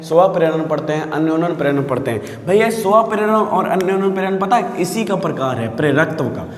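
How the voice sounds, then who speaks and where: A man teaching physics, often repeating himself and checking the viewers understand, calling them sir. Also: high-pitched. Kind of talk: classroom physics lesson. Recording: echoey room with long reverb.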